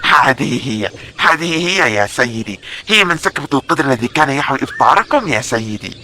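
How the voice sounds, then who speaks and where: A man's voice: medium pitch, animated, brisk, pushed and bright, a little hiss or hum. A man playing stern ancient Roman soldiers and officers in an audio drama. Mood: pleading. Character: gruff Roman soldiers and commanding officers, adult men.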